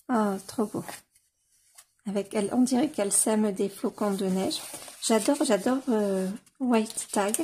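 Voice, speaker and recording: A woman casually leafing through a coloring book on camera, gushing over the pages with many fillers and slowly sounding out titles. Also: medium pitch, mellow, slight background noise. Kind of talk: casual flip-through commentary.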